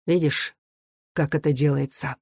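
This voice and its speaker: A reader voicing a calm, sullen young worker who speaks quietly and with restraint. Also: mid-range voice, brisk, no room sound, studio quality, close to an everyday voice.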